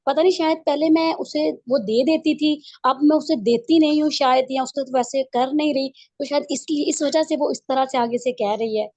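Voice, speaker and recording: A woman's voice: sits high, fairly quick, few pauses, a little mellow, no room sound. A mother asking for parenting advice, speaking hesitantly and explaining her concerns through examples. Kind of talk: questions in an advice session.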